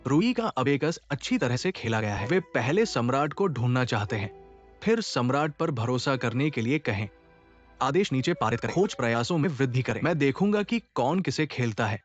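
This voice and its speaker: A man's voice: medium pitch, animated, normal speed, close to an everyday voice. A man voicing a scheming court official in a dubbed TV drama, cold and commanding. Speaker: dub actor. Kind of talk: Hindi dub of a Chinese TV drama. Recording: dull dub track with music.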